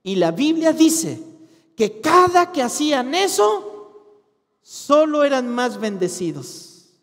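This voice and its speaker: High-voiced Mexican pastor preaching. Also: male voice, slow pace. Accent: Mexican Spanish. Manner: animated, colloquial storytelling. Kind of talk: sermon. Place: church hall. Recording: long hall reverb.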